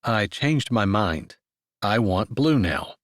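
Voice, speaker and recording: A man playing a quiet, commanding grumpy rancher. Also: medium pitch, sing-song, unhurried, dry recording, clean studio sound. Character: stubborn grumpy young male rancher.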